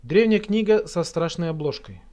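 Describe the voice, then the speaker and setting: A man's voice: fairly high pitch, animated, normal speed, darkish tone. Nervy, sweary man streaming a horror game. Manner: nervy, jumpy, muttering reactions to scares. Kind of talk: casual horror game playthrough commentary.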